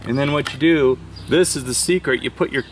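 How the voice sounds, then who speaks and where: A man casually demonstrating how to shell crayfish, talking quickly and animatedly as he explains each step. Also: mid-range voice, a little hiss or hum.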